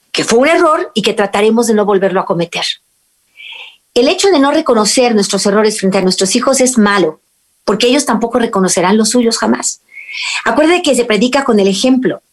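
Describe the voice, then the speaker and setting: A middle-aged woman with a Mexican accent who hosts a radio talk on parenting and faith and speaks earnestly and emphatically to her listeners. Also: a little high. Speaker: radio host.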